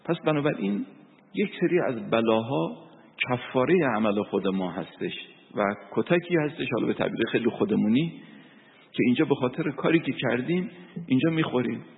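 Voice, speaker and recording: With a mid-range voice and noticeable vocal fry, a male preacher weaves stories into his sermon and recites verse and Quranic scripture. The audio is thin and phone-like, with long reverb and slight background noise.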